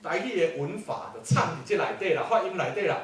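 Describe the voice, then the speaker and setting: A man lectures a class in an animated way, often throwing rhetorical questions at the room. His voice is high and swings widely in pitch. It comes from far off in a strongly echoing hall. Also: quick pace.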